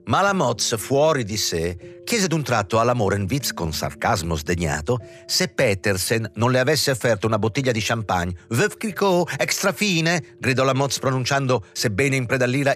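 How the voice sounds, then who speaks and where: Low-voiced man reading a novel. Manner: expressive, theatrical reading. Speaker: audiobook reader. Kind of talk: literary audiobook narration.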